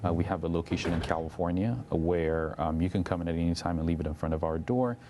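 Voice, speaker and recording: A man's voice: low-pitched, fairly even intonation, fast, background noise. A young man from Eritrea, raised in Ethiopia, answering as a guest in a TV interview and talking hesitantly with many fillers.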